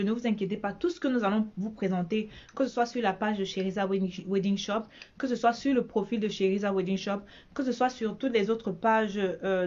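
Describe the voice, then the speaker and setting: Chatty Cameroonian woman, muffled recording. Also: mid-range voice. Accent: Cameroonian French. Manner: chatty, repeats herself, lively asides. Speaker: bridal shop owner. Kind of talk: casual promotional vlog.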